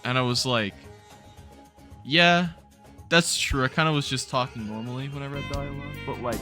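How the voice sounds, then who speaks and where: A young man giving casual, animated let's-play commentary, laughing and swearing often while playing. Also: medium pitch, fast talker, soft background music. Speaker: gaming YouTuber. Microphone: new studio mic.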